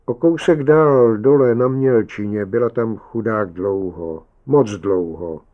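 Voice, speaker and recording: A man voicing a weathered, middle-aged male lifeguard who speaks quietly and slowly. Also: lowish voice, phone-quality sound, natural voice. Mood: quiet, grave. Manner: quiet and slow.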